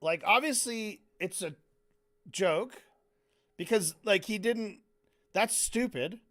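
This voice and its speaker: A man's voice: sits high, slow pace, fairly bright tone. A man commentating on a stream in a casual, profane way, breaking into mocking impressions.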